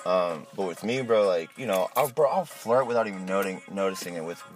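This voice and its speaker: A man's voice: low-pitched, fairly quick, faint music behind. A man talking like a frat bro in a casual podcast chat, slangy and profane. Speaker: podcast host.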